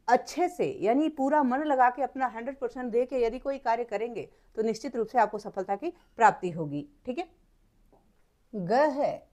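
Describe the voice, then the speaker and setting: High-voiced woman teaching a lesson. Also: darkish tone. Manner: patient, step-by-step, repeats points for students. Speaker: Hindi teacher. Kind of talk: explaining textbook exercises.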